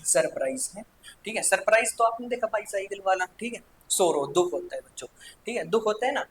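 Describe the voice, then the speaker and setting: Man teaching a lively grammar class. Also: high-pitched, fairly quick, slight background noise, low-quality recording. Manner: talks to pupils directly and acts out examples in playful voices; mixes Hindi with English terms, often checks with "ठीक है". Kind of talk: online grammar lesson for children.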